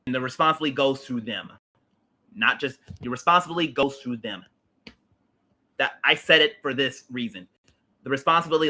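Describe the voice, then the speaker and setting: A livestream host in his late 30s uses a mid-range voice that sounds pushed and bright. His rant about politics is heated, emphatic, and repetitive, with blunt swearing.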